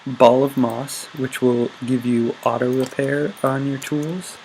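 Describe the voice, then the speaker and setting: A young gaming YouTuber rambles cheerfully through casual Let's Play commentary, full of ums and self-corrections. His slightly congested voice is medium in pitch, steady, a little mellow, and slow. The low-quality desk-mic recording carries a faint hiss.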